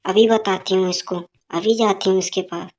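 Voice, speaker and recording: A woman's voice: mid-range voice, fairly even intonation, moderate pace, a little mellow, natural voice. A woman voicing a harsh, scolding old mother-in-law in a cartoon story, with nagging taunts.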